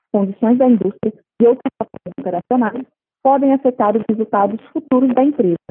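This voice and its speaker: A woman's voice: on the high side, a little hiss or hum. A woman with a Brazilian accent reads a scripted conference call announcement as an operator, in a polite, formal customer service voice. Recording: muffled lo-fi conference phone line.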